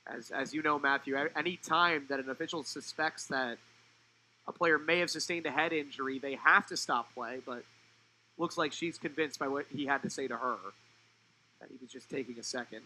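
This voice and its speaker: A young man giving live play-by-play commentary on a college soccer match, fluent and rising in pitch when the play turns attacking. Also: moderate pace, sharp tone, a little hiss or hum, rough recording.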